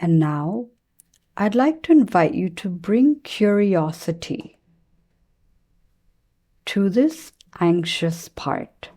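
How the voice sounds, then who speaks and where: Guiding a meditation, a female teacher uses a medium-pitched voice that is soft and calming, with long silences separating each phrase.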